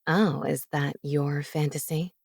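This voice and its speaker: A woman's voice: steady tone, slow pace, creaky, darkish tone, husky, dry recording, clean studio sound, full character voice. Woman doing a smug, teasing young guy.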